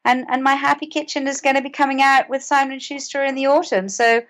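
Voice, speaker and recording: A high-pitched, a bit bright British voice moves fast with fairly even intonation. The speaker, a UK author and mental health advocate, is a podcast guest who talks earnestly and conversationally, often repeating words.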